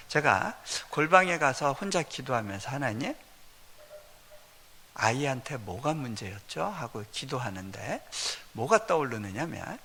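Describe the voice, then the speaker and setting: A missionary preacher with a bright, forceful mid-range voice and some vocal fry tells personal stories in a conversational sermon at a revival meeting, often chuckling between points. He speaks in a church sanctuary, and the recording carries the long reverb of a church hall.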